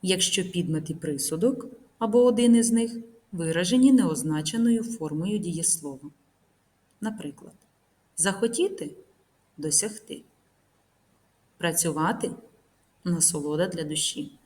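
A woman teacher narrating a recorded grammar lesson, reading example sentences slowly and carefully. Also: lowish voice, animated, darkish tone. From Ukraine.

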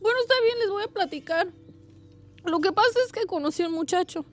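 A woman's voice: extremely high pitch, a little fast, faint music behind. A woman acting in a comedy sketch, telling her story in a pleading, distressed way. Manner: tearful pleading confession. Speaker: radio show co-host.

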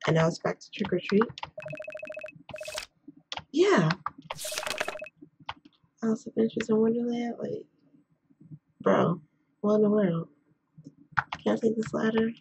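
A young woman hosting a game playthrough in a quiet whisper, chatting casually as she plays. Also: on the high side, lively intonation, slow, creaky, long pauses, lo-fi sound. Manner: whispering quietly, keeping voice hushed. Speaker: gaming video host. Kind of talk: whispered let's play commentary, casual chat. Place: indoors at home. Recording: noisy background, keyboard and mouse clicks.

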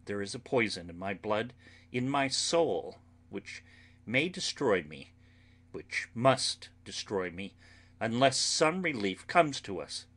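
A man reading an audiobook, voicing an anguished, earnest young woman who pleads solemnly and slowly with her friends. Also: fairly low pitch, very animated, fairly bright tone, heavily acted. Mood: solemn pleading. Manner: solemn, slow, pleading delivery.

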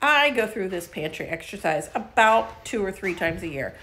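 A woman's voice: mid-range voice, lively intonation, moderate pace, fairly bright tone, a little hiss or hum. A woman in her thirties chatting casually through a home organizing vlog, laughing lightly mid-sentence. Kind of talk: casual voice-over narration. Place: home kitchen with pantry, indoors.

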